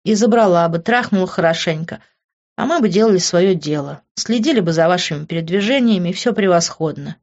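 A woman's voice: fairly low pitch, expressive, brisk, darkish tone, muffled recording. A woman voicing a blunt, sarcastic young woman who bosses and mocks her friend. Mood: mocking. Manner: mocking, bossy.

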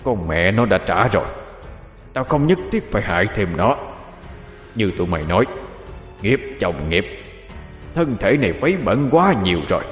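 Male narrator as gloating demon, low gruff hoarse voice, slow theatrical menace, taunting, horror storytelling, music underneath. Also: very animated, roomy sound, in a large hall.

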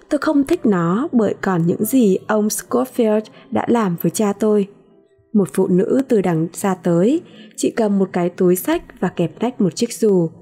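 A woman reads a first-person novel as an audiobook in a measured storytelling voice. Her tone is mellow and slightly breathy, with soft music faintly behind her. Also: mid-range voice. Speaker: audiobook narrator.

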